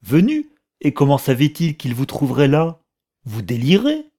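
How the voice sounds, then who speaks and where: In an audiobook reading, a man voices a bitter, jealous middle-aged woman, mocking and sharp, with flare-ups into outbursts. His pitch is fairly low and his pace unhurried, and the mood is furious.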